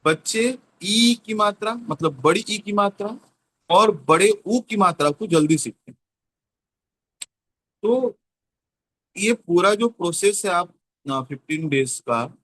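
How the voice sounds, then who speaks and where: A man explaining a teaching method in an online class, slowly repeating example words. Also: sits high, a bit bright. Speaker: teacher training trainer.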